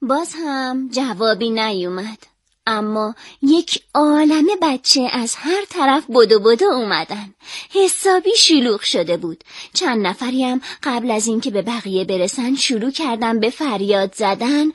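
A woman calmly and expressively reading a children's story aloud. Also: a little high, no room sound, clean studio sound.

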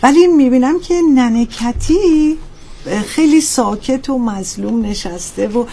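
A woman's voice: high voice, mellow, breathy edge. A woman hosting a holiday radio talk show, gracious and polite as she chats with guests. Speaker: radio host.

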